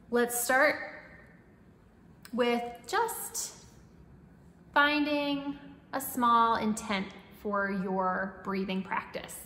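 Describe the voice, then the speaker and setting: A woman leading a guided breathwork meditation in a soothing, instructing manner, with long pauses and audible breathing and sighs. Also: fairly high pitch, a bit bright. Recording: echoey reverberant room, faint background noise.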